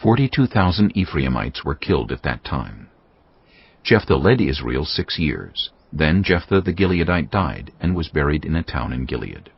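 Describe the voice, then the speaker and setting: Reading scripture as a scripted story, this man has a husky, exceptionally deep voice and uses broad, dramatic intonation. He is very animated and keeps a moderate pace, though the audio is a little dull.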